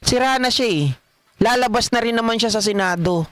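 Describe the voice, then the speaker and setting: A man's voice: extremely high pitch, fairly quick, a bit bright, clear, resonant tone, no echo. A middle-aged Filipino man hosting a political livestream, reading viewer comments in a chatty way and laughing often. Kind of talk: casual live commentary reading chat.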